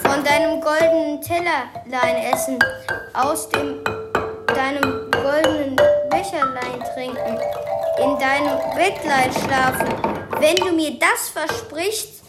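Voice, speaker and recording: Ein Kind liest langsam einen sprechenden Frosch aus einem Märchen vor, über lauter Musik. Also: high voice. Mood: bargaining. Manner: slow, careful reading. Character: pleading talking frog from a well. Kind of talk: reading a fairy tale aloud. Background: loud music.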